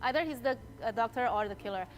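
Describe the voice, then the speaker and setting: A woman's voice: on the high side, fast, a little hiss or hum. A woman giving casual analysis as a player in a game. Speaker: player in a social deduction game show.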